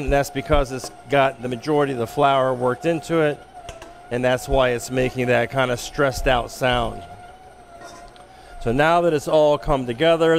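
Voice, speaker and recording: A man at a mid-range pitch teaches a baking demonstration in an instructional kitchen. He talks in a relaxed, explanatory way and often restarts his sentences. A faint hum of background noise sits under his voice. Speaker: chef instructor. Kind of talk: cooking demonstration.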